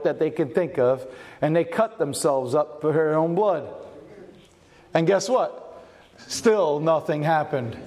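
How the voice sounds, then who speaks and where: A pastor preaching a sermon, asking his congregation questions and varying his pace and loudness for emphasis. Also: high voice. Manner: asks the congregation questions and answers them.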